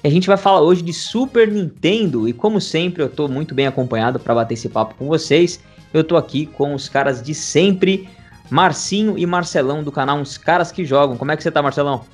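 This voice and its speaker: A man's voice: a little high, brisk, soft background music. A man with a Brazilian Portuguese accent presenting a podcast casually as its host.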